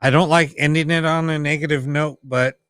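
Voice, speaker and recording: A man's voice: a little high, steady tone, a little fast, fairly bright tone, clear, resonant tone, no echo, studio quality. A man hosting a paranormal live stream, chatting casually and explaining things to viewers in a rambling, informal way. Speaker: host of a ghost box session live stream.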